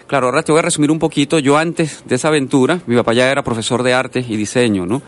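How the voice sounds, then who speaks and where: Speaking fast with a medium-pitched, fairly even voice, a man from Colombia spins lengthy stories packed with digressions as a guest artist on a radio show. He's recorded on a studio microphone.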